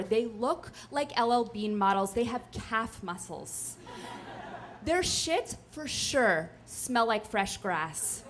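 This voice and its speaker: A woman's voice: on the high side, a bit bright, slight background noise. A young woman telling a funny, self-deprecating personal story on stage, chatty and full of "like" and "um.". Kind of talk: live comic personal storytelling. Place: stage at a live storytelling night.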